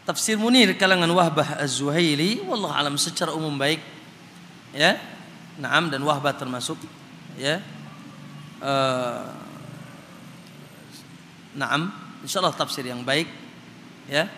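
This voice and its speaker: Slow, bright-voiced male religious teacher. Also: a little high. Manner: addresses audience as Pak, chants recitation examples. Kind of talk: Quran study lecture. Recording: hall reverb, faint noise.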